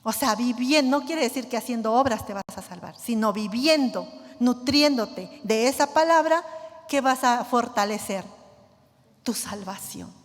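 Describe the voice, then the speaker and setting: A woman's voice: on the high side, measured pace. A middle-aged woman sharing an earnest devotional testimony and prayer in church, speaking to her fellow believers. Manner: earnest, addresses listeners as brothers and sisters. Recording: long hall reverb.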